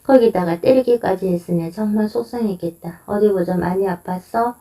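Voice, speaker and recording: Woman voicing a gentle, patient mother. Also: mid-range voice, moderate pace, distant mic, lightly acted. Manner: gentle, soothing questioning. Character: patient, gentle mother coaching her son.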